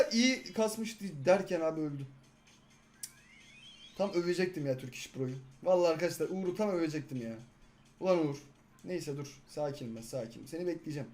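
A young man in his twenties giving live gameplay commentary, excitable and often exasperated at his teammates. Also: high voice. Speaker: gaming YouTuber.

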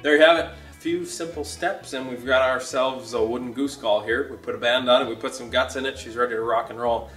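A young man speaks in a casual, folksy way as he presents a promotional how-to. His medium-pitched voice sits a little away from the mic in an echoey room, with music around it. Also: fairly even intonation, brisk, few pauses, fairly bright tone, far from the mic. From Minnesota, United States. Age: 20s. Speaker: call company presenter. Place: indoor workshop with shelving. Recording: roomy workshop, away from the mic.

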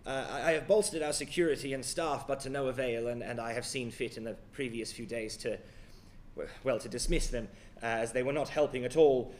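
A haggard, frightened gentleman, voiced by a man speaks in formal, stammering phrases. He has an Australian accent and a gruff edge, and his speech comes out stiff and halting. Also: medium pitch, a little hiss or hum, natural voice. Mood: fearful. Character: haggard, fearful wealthy older gentleman.

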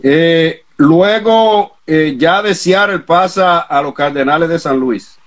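A man's voice: a little high, slow. A man interviewing a former ballplayer, asking questions hesitantly with many fillers.

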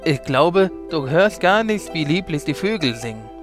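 Cunning storybook mountain lion, low and wheedling, read by a man. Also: very animated, moderate pace, over music. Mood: scheming. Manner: coaxing, low and hushed. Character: sly hungry male mountain lion, smooth talker.

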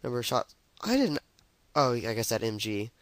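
A man's voice: mid-range voice, little pitch movement, fast talker, fairly bright tone, clean tone, dry recording, poor audio. A young man giving casual, jokey commentary as he plays a shooter game, narrating each move. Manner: chatty, jokey, narrates his moves as he plays. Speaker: let's play gamer.

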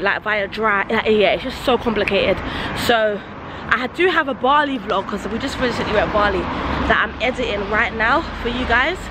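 Young female vlogger, slightly high voice, casual direct chat, filmed handheld on a noisy street. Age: young adult. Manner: chatty, informal, addressing viewers directly. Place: outdoors walking along a suburban street. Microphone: handheld camera at arm's length. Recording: noisy outdoor street with passing traffic.

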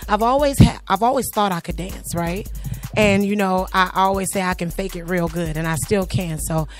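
Her voice is naturally raspy and sits on the low side: a middle-aged woman who sings and teaches arts to young people. Answering interview questions at a moderate pace, she stays loose and talkative, drifting off with fillers and laughing lightly. The interviewer holds a handheld mic in a small studio with a logo backdrop, and faint music plays in the background.

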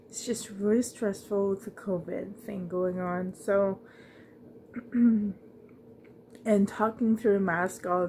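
Slow-talking woman vlogger. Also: mid-range voice, creaky, a little mellow, slight background noise. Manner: halting, trailing off mid-thought. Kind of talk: casual, rambling vlog chat. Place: indoors in a living room at home. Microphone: handheld phone at arm's length.

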